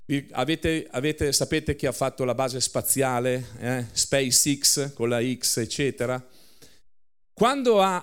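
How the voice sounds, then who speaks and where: A man preaching a sermon, telling a story with lively acted-out quotes and short laughs between lines. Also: fairly high pitch, clean tone.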